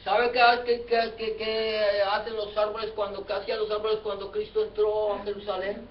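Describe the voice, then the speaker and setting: High-voiced fervent man preaching in an echoey hall. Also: monotone, normal speed, slight background noise. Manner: fervent, swelling to shouts with repeated phrases. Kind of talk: sermon. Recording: echoey, distant, dull church recording.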